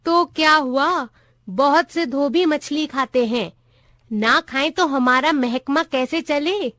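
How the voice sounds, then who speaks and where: A dozy, half-deaf old clerk behind a government counter who muddles every word he is told, as a woman reading the story puts him on. The voice sits high and moves slowly. It is recorded close and dry. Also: fairly bright tone, no room sound. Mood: muddled. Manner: confused, repeats things wrong. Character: hard-of-hearing old male office clerk.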